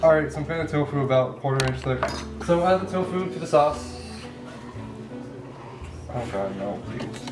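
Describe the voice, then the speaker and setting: Here a man with a slightly high voice talks fast, hosting a casual cooking video in a loose, tipsy, giggling ramble peppered with offhand curses. Music plays and pans clatter around him in an echoey indoor kitchen, and he's some distance from the mic.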